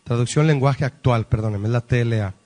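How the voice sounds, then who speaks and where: A man's voice: mid-range voice, fairly quick, a little mellow. A man preaching a Bible-study sermon, emphatic and asking the congregation rhetorical questions. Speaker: pastor. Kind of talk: sermon teaching.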